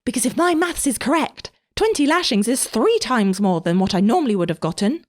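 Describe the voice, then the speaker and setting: A woman voicing an angry young schoolboy, normally quiet and timid, in a storybook reading. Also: lively intonation, brisk, breathy edge. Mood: raging. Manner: indignant, high boyish delivery.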